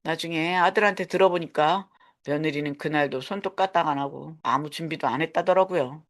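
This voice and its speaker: A woman in her sixties narrating a first-person story in a calm, matter-of-fact way. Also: on the low side. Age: 60s.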